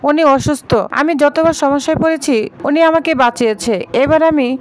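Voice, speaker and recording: A woman's voice: high-pitched, brisk, a little hiss or hum, close to an everyday voice. A woman voicing a determined young woman who firmly and earnestly defends her honor. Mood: firm, pleading.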